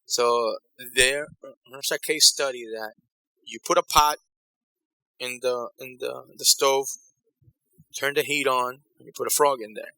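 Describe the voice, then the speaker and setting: A man from Ecuador leads a college workshop session in an easy, conversational way. His voice is very bright and cutting, recorded close with almost no room sound. He often repeats a phrase to land a point. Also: medium pitch, fairly even intonation, a little slow, pauses often, dry recording, poor audio. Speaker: workshop facilitator. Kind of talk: conference breakout talk.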